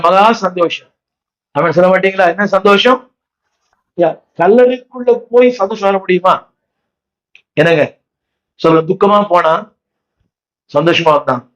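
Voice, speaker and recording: With the highs cut off, the recording carries a high male voice: a Tamil-accented pastor from India preaching at church. He questions his listeners, exhorts them repeatedly, and has them say his words aloud after him.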